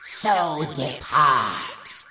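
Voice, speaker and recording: An unseen witch spirit hisses her words at a crawl, every syllable dragged out, with a bright, cutting edge. Her voice rises and falls widely and sounds as if it comes from a roomy space, as a male narrator puts her on. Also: on the high side, big pitch swings, voice pushed up, heavily acted. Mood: menacing. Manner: slow, drawn-out hiss.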